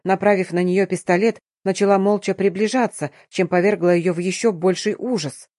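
A woman reads a first-person novel aloud with brisk, tense storytelling, keeping her voice at a middle pitch. The sound is dry and close, with no room echo. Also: steady tone, darkish tone. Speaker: audiobook narrator. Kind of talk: first-person scripted narration.

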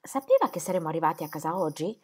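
A woman's voice: low voice, big pitch swings, rapid-fire, darkish tone, husky, heavily acted. A woman voicing a timid, flustered young bride asking hesitant questions in a storybook reading. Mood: anxious.

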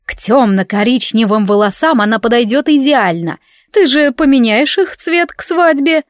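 A woman voicing an overbearing, meddling middle-aged mother who speaks slowly and preachily in an audiobook. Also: a little high, expressive, no room sound, studio quality, lightly acted. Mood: domineering. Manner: slow, domineering, preachy.

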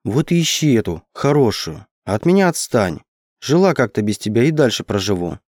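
A man reading as a stubborn young peasant woman, high indignant voice, storybook, dry close sound. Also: sing-song, normal speed, darkish tone, no room sound. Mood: snapping. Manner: raised, higher indignant voice.

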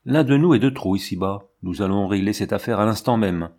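A cold, commanding count with a fairly low voice, as a male reader puts him on, speaking in short, imperious, menacing sentences. He sounds like a storybook aristocrat who gives orders and expects to be obeyed. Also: brisk, a little mellow, close to an everyday voice. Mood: resolute. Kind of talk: audiobook narration.

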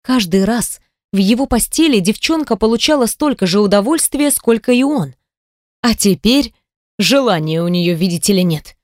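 Woman audiobook narrator, measured and steady, dry studio sound. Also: mid-range voice, no echo. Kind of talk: scripted narration.

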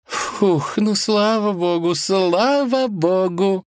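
A man's voice: sits high, big pitch swings, a little slow, no room sound, clean studio sound, pitched above the performer's own voice. A man doing a fussing old palace cook woman. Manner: fussing, lamenting singsong. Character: fussy kindly older female palace cook.

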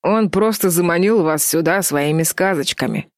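A woman voicing a cold, sneering young man in an audiobook, speaking slowly and mockingly with quiet menace. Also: lowish voice, no room sound, clean studio sound, close to an everyday voice. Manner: mocking, slow and cruel. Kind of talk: audiobook character voice.

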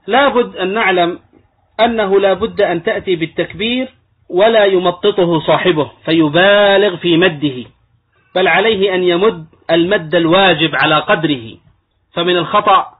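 Male religious scholar, high husky voice, methodical lecturing tone, lo-fi phone-like recording. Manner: explanatory, demonstrates wrong pronunciations. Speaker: Islamic scholar teaching jurisprudence. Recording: tinny phone-like lo-fi audio.

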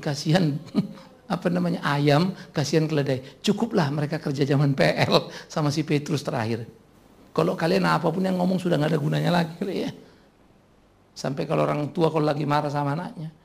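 A man preaching as a pastor, delivering a humorous sermon in a lively joking manner that often breaks into laughter. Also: a little high, vocal fry. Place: church.

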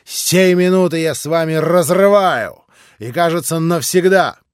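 A man voicing an agitated, proud young man who shouts in bitter outbursts. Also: deep voice, very animated, slow pace, breathy edge, dry recording, clean studio sound, full character voice. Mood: cold scorn. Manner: shouting, sharp, rising to cries.

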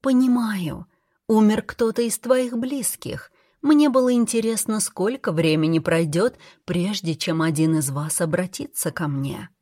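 A woman reading an audiobook, voicing the gentle, faintly bitter trapped soul of a death goddess in a raised, softer voice. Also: mid-range voice, measured pace, dry recording, studio quality, pitched above the performer's own voice, lightly acted. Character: soft kind ancient female death-goddess soul.

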